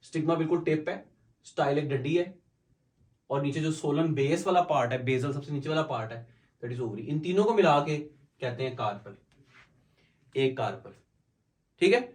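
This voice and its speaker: Far-off teacher in an echoey classroom. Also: male voice, a little high, darkish tone. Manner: explains in mixed Hindi and English, asks and answers his own questions; slows down to dictate English definitions. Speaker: biology teacher. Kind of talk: classroom lecture.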